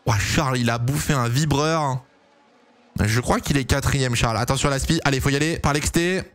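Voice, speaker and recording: A young man giving casual, excitable live commentary on a race for his stream, pleading and cheering as it unfolds. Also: mid-range voice, fairly quick, no echo. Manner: excitable, pleading, swings to shouting at big moments.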